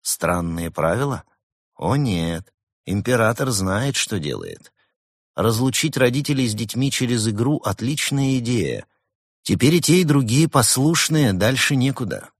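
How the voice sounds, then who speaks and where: A man voicing a sly, ironic male fox who talks in a dry, unhurried, sardonic way. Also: mid-range voice, very animated, no echo. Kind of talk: audiobook reading.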